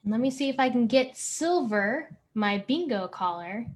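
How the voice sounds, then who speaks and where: A woman's voice: fairly high pitch, lively intonation, moderate pace. A woman hosting a family-friendly online bingo event, chatty and encouraging, drawing out the words she announces. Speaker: event host running bingo.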